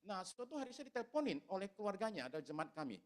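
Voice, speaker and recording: A man's voice: sits high, fast talker. Male pastor for a storytelling sermon, voice rising and falling a lot as he talks straight to the congregation. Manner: animated, addresses the congregation directly.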